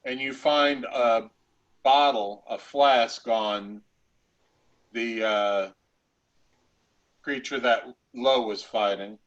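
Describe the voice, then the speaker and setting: A man acting as game master, narrating and explaining a tabletop game haltingly, pausing mid-sentence. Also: mid-range voice, fairly even intonation, a bit bright, lo-fi sound.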